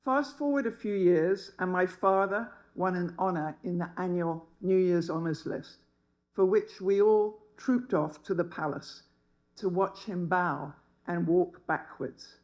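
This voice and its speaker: Slow, wry older woman. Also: fairly low pitch, darkish tone, low-quality recording. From England. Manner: wry, humorous. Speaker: speaker. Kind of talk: personal storytelling talk.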